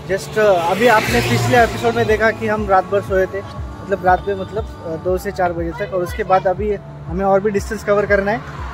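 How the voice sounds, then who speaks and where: A man's voice: sits high, rough recording. A man from Latur in Maharashtra, India, narrating his travel vlog in a casual, chatty way, explaining each stop as he goes. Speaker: travel vlogger. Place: on the road and outdoors in a village. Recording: music playing under the voice.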